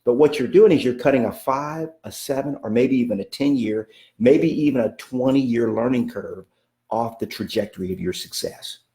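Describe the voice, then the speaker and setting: In a reverberant room, a real estate coach delivers a motivational talk at normal speed, his mid-range voice warm. He hammers points home through repetition, keeps asking "okay?", and brings up God in a preacherly style.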